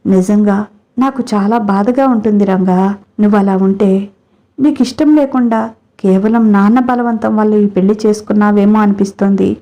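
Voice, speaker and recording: A woman's voice: mid-range voice, fairly even intonation, normal speed, mellow, close to an everyday voice. A woman voicing a young wife, the landlord's daughter, who pleads and scolds with strong feeling as she reads a storybook. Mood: hurt. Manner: emotional, scolding. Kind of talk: storybook character reading.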